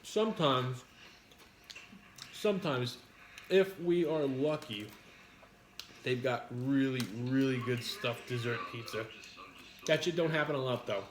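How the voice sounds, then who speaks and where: A man's voice: medium pitch, a little slow, long pauses. Echoey, noisy casual man chatting, playful. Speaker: host of a livestream mukbang. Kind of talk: casual chat while eating pizza, reading viewer comments. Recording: echoey room with background noise.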